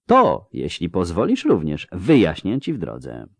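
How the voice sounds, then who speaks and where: A man voicing an ancient, aloof male elf sage who speaks slowly, quietly and with measured calm. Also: low voice, creaky, husky, no echo, pitched below the performer's own voice, exaggerated voice. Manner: slow, quiet, measured speech.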